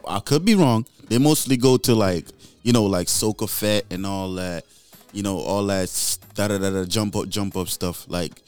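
A man's voice: lowish voice, clean tone. A man with a New Jersey accent hosting a casual podcast interview, loose and profane, full of fillers and repeats. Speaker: podcast host.

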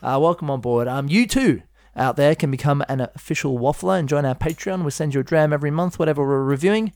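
A man's voice: fairly high pitch, fast talker, a little mellow, dry recording. A man co-hosting a casual podcast chat, joking and teasing his co-host with playful wordplay.

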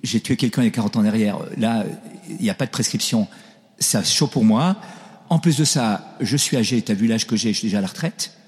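A man's voice: lowish voice, a little fast, close to an everyday voice. A man voicing an aged, reluctant Moses who grumbles out casual excuses. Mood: grumbling. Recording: reverberant hall.

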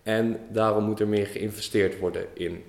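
Male interviewer, low and even delivery, calmly summarizing his guest's points, roomy room sound. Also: normal speed, creaky. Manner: calm, summarizing, with short agreeing replies. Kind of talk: conversational interview. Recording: roomy echo.

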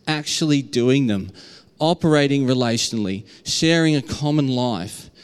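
A man's voice: a little high, smooth. A man with a broad Australian accent preaching an informal sermon in an earnest, conversational way. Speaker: preacher at a church.

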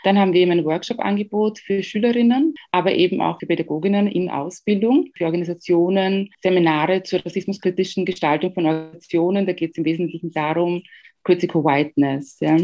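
A woman from Ghana, a guest answering interview questions in a measured, thoughtful way with frequent pauses to find words. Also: fairly low pitch, fairly even intonation, mellow, lo-fi sound. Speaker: guest, education researcher.

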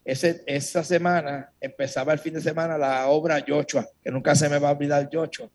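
This man tells his religious testimony to a congregation with energy, addressing the listeners directly. He speaks briskly in a slightly high voice.

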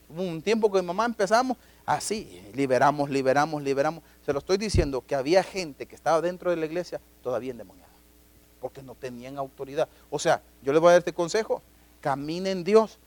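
A middle-aged man, preaching a sermon as pastor, swinging between loud, emphatic declarations and low asides.

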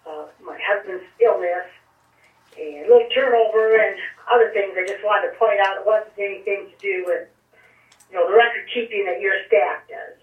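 A woman's voice: mid-range voice, normal speed, recorded from a distance. Woman on a tinny speakerphone. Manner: chatty, many fillers and restarts. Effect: heard over a speakerphone. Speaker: auditor. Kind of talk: informal presentation to a council. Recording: tinny speakerphone in an echoey room.

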